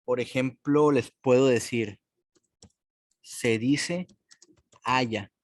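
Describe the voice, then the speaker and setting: A man teaching a class, explaining slowly and patiently and repeating words so students follow. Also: mid-range voice, dry recording. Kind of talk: recorded online class explanation.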